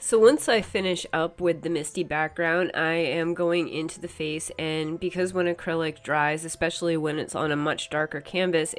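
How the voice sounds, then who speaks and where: A deep-voiced painter with a head cold sounds stuffy and nasal as she demonstrates her work. Her voice-over, recorded separately from the footage, is relaxed and chatty, full of hedging "kind of"s and "um"s.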